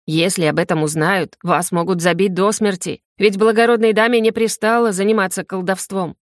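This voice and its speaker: A woman's voice: mid-range voice, steady tone, moderate pace, no echo, clean studio sound, lightly acted. A woman reading the part of a chatty lady-in-waiting in an audiobook, passing on a warning in a confiding tone. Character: talkative female lady-in-waiting, confiding and cautious.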